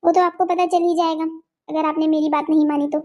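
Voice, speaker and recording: A woman's voice: high-pitched, level tone, fairly quick, music in the background, natural voice. A woman voicing a swaggering male kidnapper with a sword in a cartoon story, talking in taunting, sneering threats.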